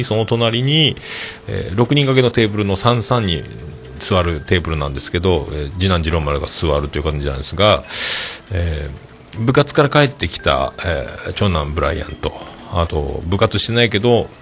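A man talks casually on his podcast in a deep, gravelly voice. His pitch rises and falls widely as he rambles through stories, with frequent filler sounds between his phrases. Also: fairly bright tone, a little hiss or hum. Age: 40s. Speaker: podcast host. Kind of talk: casual podcast monologue reading listener comments.

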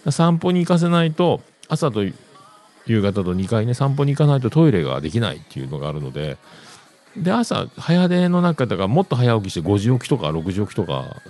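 A man's voice: mid-range voice, big pitch swings, brisk, darkish tone. A middle-aged man, hosting a casual solo radio-style show in a rambling, chatty way with self-amused asides. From Yamaguchi, Japan. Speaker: podcast host.

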